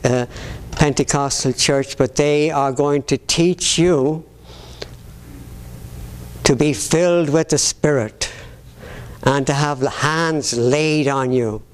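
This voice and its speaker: Male preacher, slow and measured delivery, smooth clear voice, halting restarts. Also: on the high side, steady tone. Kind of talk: sermon.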